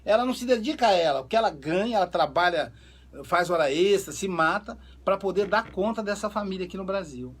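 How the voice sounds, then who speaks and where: A man with a fairly high, husky voice, working as a psychoanalyst. He tells family stories in a relaxed conversational way and gives the people in them their own voices as he goes. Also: brisk. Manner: animated storyteller, acts out quoted dialogue. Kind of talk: conversational talk on family relationships.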